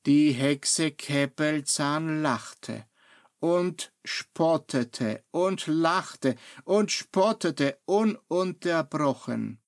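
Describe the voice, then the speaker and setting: Calm male narrator for a children's audiobook, extremely slow and dry, close sound. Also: a little high, no room sound. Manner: calm, very unhurried storytelling. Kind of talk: children's storybook reading.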